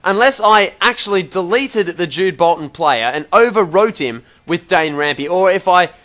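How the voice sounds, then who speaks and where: A young Australian man hosting a gaming video gives a rambling, casual walkthrough of a game menu, chatty and mildly exasperated. His voice is high-pitched, expressive, and a bit bright, at a moderate pace.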